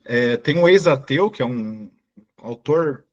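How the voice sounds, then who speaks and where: A man hosts a casual chat, his voice husky and a bit breathy. The audio sounds dull and lo-fi, and he interjects in a friendly way. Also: medium pitch, lively intonation, slow pace. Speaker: host.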